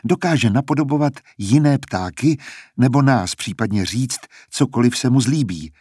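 A man's voice: mid-range voice, animated, dark tone, husky, no room sound, clean studio sound. A man voicing an older female scientist who explains her birds with fondness. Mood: explaining.

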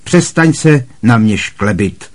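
Man voicing a booming bossy aunt. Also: very animated, darkish tone. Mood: scornful. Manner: booming, barking and harshly scolding. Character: bossy loud middle-aged aunt who scorns the boy.

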